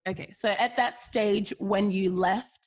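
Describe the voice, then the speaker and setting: A young woman from Zimbabwe hosting a casual podcast interview, upbeat and quick to laugh. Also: mid-range voice, fairly even intonation. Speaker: podcast host.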